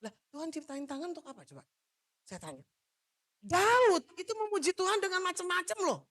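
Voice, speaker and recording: A woman pastor from Manado giving a loud, animated sermon, joking with the congregation and moving about as she preaches. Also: extremely high pitch, a little fast. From Manado, Indonesia. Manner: jokes with the congregation. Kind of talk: lively sermon.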